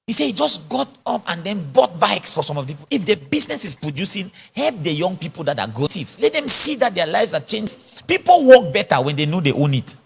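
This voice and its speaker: A man's voice: sits high, a little fast, creaky, hardly any pauses, breathy edge. Guy preaching, voice jumps all over, laughs a lot, long hall echo. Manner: animated, storytelling, laughs often. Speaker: apostle preaching at a conference. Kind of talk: sermon with question answers. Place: church conference hall. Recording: large echoey hall.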